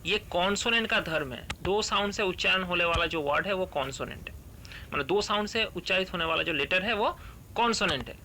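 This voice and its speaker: With a voice that sits high and sounds pushed and bright, this man reads English grammar rules slowly before explaining them. Frequently he asks the class something and supplies the answer himself. A little hiss or hum runs under the recording.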